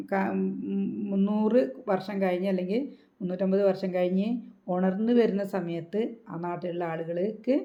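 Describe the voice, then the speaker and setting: A woman teaching a recitation lesson in Malayalam, patiently repeating syllables slowly to demonstrate the sounds. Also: mid-range voice, muffled recording.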